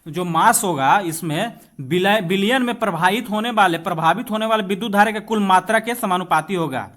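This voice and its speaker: Reading out exam questions and explaining them directly to his students, a man with an Indian accent teaches in an instructive style. His voice sits high and a bit bright, and English passages come out more slowly.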